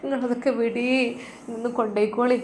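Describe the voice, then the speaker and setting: Woman reading a gruff, angry middle-aged dad with a Malappuram Malayalam accent. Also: a little high, fairly even intonation, brisk, darkish tone, a little hiss or hum, pitched above the performer's own voice, natural voice. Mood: stern, scolding. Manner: gruff and scolding.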